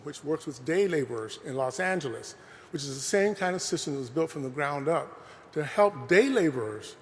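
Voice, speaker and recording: A slightly high male voice, over a bit of background noise, gives an earnest, conversational public talk with plenty of "you know." He's a lecturer in a large museum hall, and the recording has a long reverb.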